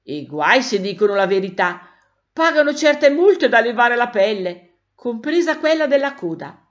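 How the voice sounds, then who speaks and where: A woman's voice: on the high side, big pitch swings, a little slow, pitched above the performer's own voice. A woman voicing a small lame chalk-drawn talking cat with a thin little voice and a slight cough, friendly and explanatory, in a dull lo-fi recording. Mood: explaining.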